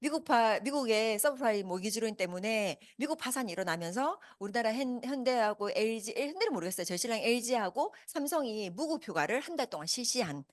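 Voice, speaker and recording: A woman in her fifties delivers an animated motivational seminar talk to a live audience in a meeting hall during a business meeting, questioning the crowd again and again. Her delivery is quick and upbeat with high, wide-ranging pitch, recorded dry and close with no echo.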